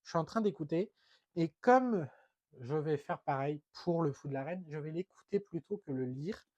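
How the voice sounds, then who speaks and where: In another casual book haul vlog, this young man speaks through the congestion of a head cold, hesitant and chatty, filling gaps with fillers. He sounds fairly high and a little mellow, with lively intonation at normal speed, on a lo-fi recording with no echo.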